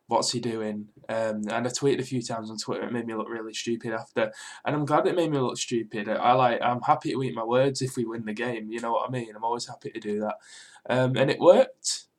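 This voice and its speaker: A young British man with a sore throat talking quietly but clearly in a casual, rambling, sweary football reaction vlog. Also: medium pitch, fairly even intonation, fairly quick. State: mildly ill with a sore throat. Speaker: football fan video host.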